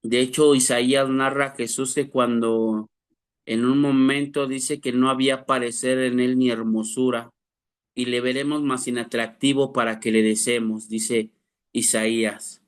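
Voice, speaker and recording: A man's voice: medium pitch, flat delivery, measured pace, smooth. A man, preaching a sermon to his class, earnest, asking rhetorical questions to his listeners. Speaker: pastor teaching a class.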